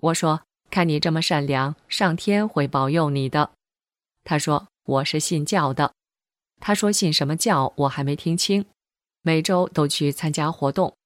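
A woman reads a first-person testimony in a low, steady voice. The delivery is even and scripted, and the recording is dry and close, with no room sound. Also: normal speed, no room sound.

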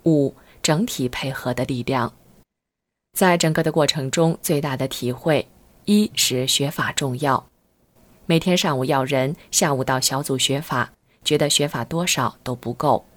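A middle-aged woman reads her first-person account aloud in a low, deep voice. She tells it earnestly and keeps a steady pace. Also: normal speed.

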